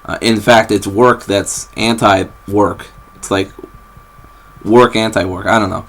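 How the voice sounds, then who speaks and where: A man's voice: fairly even intonation, a little slow, fairly bright tone. A young man rambling casually in a vlog from his bed, with lots of fillers and restarts, recorded on a camera's built-in mic. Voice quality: very low, bassy, gravelly voice. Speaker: vlogger. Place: bedroom, sitting on a bed.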